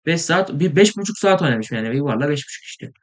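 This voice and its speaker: Young male gaming host, tired, quick and slightly high, excitable rambling commentary. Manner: rambling, excitable, swears in frustration, trails off into mumbling. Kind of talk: casual gameplay commentary.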